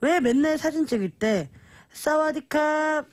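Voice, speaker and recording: A woman's voice: high voice, lively intonation, a little slow, no echo. A woman hosting a radio show, playful and teasing, laughing often as she chats with her guests. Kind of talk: lively radio chat.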